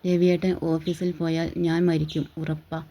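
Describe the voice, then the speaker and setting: A storyteller reading the lines of a stubborn young wife in a storybook, in an even, unchanging reading voice. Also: medium pitch, unhurried. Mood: insistent. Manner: stubborn, insistent. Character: determined young wife desperate for a child.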